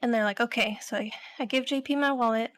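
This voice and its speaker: A woman's voice: fairly high pitch, fairly even intonation, fast, a bit bright, clean tone, no room sound. A young adult woman co-hosting a podcast, telling a story in a rambling, casual way full of fillers. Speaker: podcast co-host.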